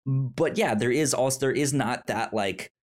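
In a mid-range voice, a male podcast co-host chats casually about film. He speaks haltingly, often stammering and repeating the beginnings of words.

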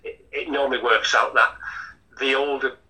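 A man's voice: mid-range voice, fairly even intonation, normal speed, sharp tone, distant mic, low-quality recording. A man, a hotel chef talking through an interview with many restarts. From Lancashire, England. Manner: chatty, rambling with frequent restarts.

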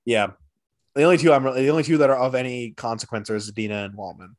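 Hockey podcast guy, lively and teasing, middle-pitched voice, talks in excited bursts. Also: quick pace. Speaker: podcast co-host. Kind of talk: casual sports chat.

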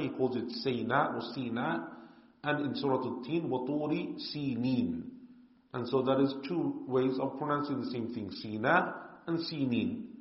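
A man teaching a religious lesson in a calm, explanatory way. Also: medium pitch. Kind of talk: religious lecture. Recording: echoey hall, muffled.

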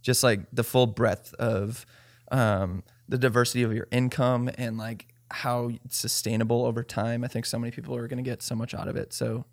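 A man hosting a podcast interview, relaxed and encouraging as he asks questions. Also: medium pitch, normal speed, no echo, studio quality. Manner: relaxed, affirming listener. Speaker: podcast host. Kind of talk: casual interview conversation.

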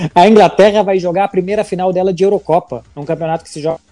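Mellow Brazilian man hosting sports talk. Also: high voice, steady tone, quick pace. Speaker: podcast host. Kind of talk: conversational sports discussion.

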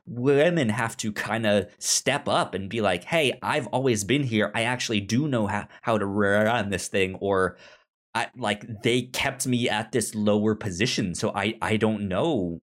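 On a casual podcast, this co-host talks through his recommendations for books and shows in a voice on the low side, keeping a measured pace. A pronounced stutter causes him to repeat sounds and syllables.

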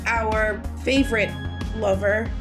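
A woman's voice: medium pitch, fairly even intonation, takes it slowly, over loud music. A woman hosting a casual podcast chat, with a congested, nasal voice from allergies, joking and playful. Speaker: podcast host.

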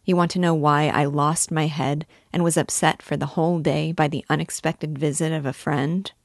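Woman narrator, low voice, measured, earnest, dry close recording. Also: fairly even intonation, no room sound. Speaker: audiobook narrator. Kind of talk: scripted narration.

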